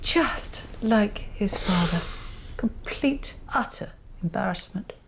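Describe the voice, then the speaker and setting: A woman's voice: mid-range voice, lively intonation, takes it slowly, gravelly, background noise. An actress playing a weary, disdainful older woman relative who speaks dryly.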